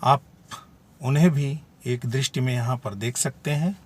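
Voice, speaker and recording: A man teaching Hindi grammar in a video lesson, explaining terms deliberately and spelling out examples. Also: mid-range voice, a little hiss or hum.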